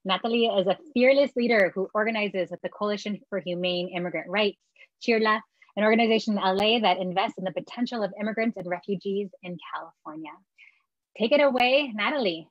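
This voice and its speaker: A woman's voice: medium pitch, a little fast, no room sound. A woman hosting an event, reading an upbeat, enthusiastic scripted introduction over a video call. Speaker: event host introducing a speaker. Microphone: webcam on a video call. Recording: dull, dry video call audio.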